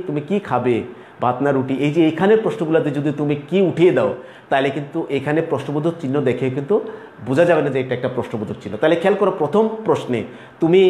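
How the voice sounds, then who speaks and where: A man with a slightly high voice teaches a grammar lesson in Bengali. He explains slowly, says each key word more than once and acts out sample questions and answers. The room gives his voice a clear echo. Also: mellow. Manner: slow, repetitive explaining, acting out student answers.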